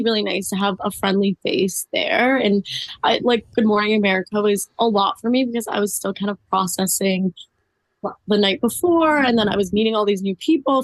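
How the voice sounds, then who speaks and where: A woman's voice: mid-range voice, no room sound. A woman guest in a casual podcast interview, talking chattily with lots of "like" and "um". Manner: chatty, fills speech with "like" and "um".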